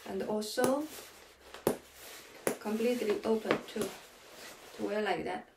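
Slow halting woman vlogger, echoey room. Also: medium pitch, very noisy. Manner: halting, with many pauses and fillers. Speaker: fashion vlogger. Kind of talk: casual unboxing and try-on. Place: small room at home, indoors.

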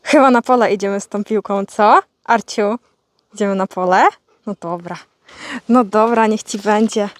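A woman's voice: mid-range voice, steady tone, moderate pace. A young woman vlogging outdoors on a farmyard, chatting casually to her animals and playfully scolding them.

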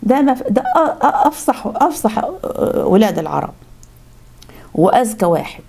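A woman with an Egyptian accent voicing a male ruler who praises his rival haltingly. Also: on the high side, sing-song, vocal fry, dark tone, breathy edge, heavily acted. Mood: admiring. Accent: Egyptian Arabic. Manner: halting, admiring.

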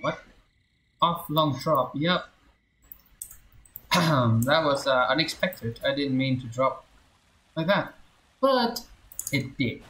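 A man takes it slowly, pausing often, as he offers casual, playful live commentary on a game he's streaming, muttering brief exclamations to himself and his chat. His mid-range voice is animated and fairly bright, with slight background noise, roomy echo, and video game music.

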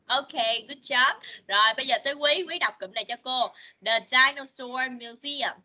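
A woman, an English teacher on a video call, patiently coaxing children and modeling words slowly for them to repeat. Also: sits high, animated, sharp tone, husky. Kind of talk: online English lesson for children.

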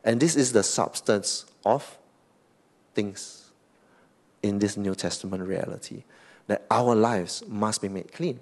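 Singaporean guy pastor giving a sermon, lively, lots of okay? right?, goes loud then quiet. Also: fairly low pitch, slow pace, long pauses. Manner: animated, frequent "okay?" and "right?" tags, shifting loud and soft.

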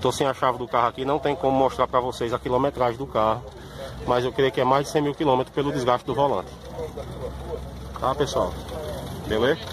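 A man casually shows viewers around the cars at an outdoor fair, filming on his phone and repeating "pessoal" in his chatty, informal way. His medium-pitched voice is fairly flat, a little fast, and broken by frequent pauses. Traffic and crowd ambience come through from the street.

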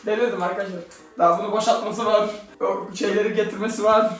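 A young man rattles off a casual vlog at a rapid clip, excitable and teasing, his voice sitting a little high. He sounds distant from the mic in a very echoey room. Music plays clearly behind him. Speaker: vlogger.

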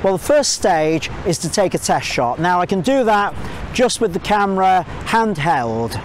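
Standing by a waterfall, a middle-aged man teaches photography to camera, recorded on a clip-on mic from mid distance with slight background noise. He takes his time, and his high voice swings widely in pitch. His step-by-step explanation is peppered with small fillers as he thinks aloud.

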